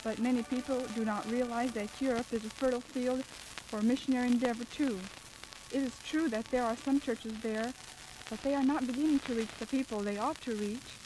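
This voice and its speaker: A woman's voice: a little high, steady tone. Earnest young woman on a noisy old radio recording. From Russia. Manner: earnest, formal, measured sentences. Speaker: Bible school student guest. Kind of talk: radio interview.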